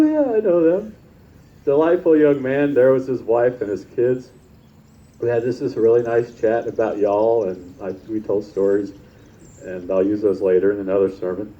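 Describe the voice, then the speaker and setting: With a warm, medium-pitched voice, a man preaches an informal sermon full of personal anecdotes, often tossing in "right?". He is the pastor at a church service, heard through a dull, low-fidelity recording.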